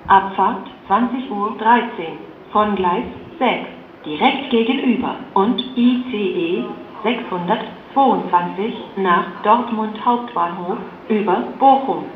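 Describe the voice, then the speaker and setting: A woman making an automated railway platform announcement over station loudspeakers, in flat, formulaic short segments. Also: medium pitch, takes it slowly. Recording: muffled echoey station PA, loud noise. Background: noisy station ambience.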